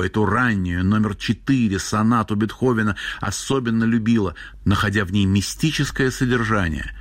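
A male narrator reading literary prose in a measured storytelling manner. His voice is low and husky. It is recorded dry and close, with no room sound. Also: no echo.

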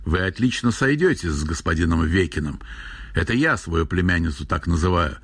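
A man reading aloud, voicing a huge dry old uncle who speaks too loudly and sternly for his age. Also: low voice, lively intonation, fairly quick, slightly rough, no echo, exaggerated voice. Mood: jovial teasing.

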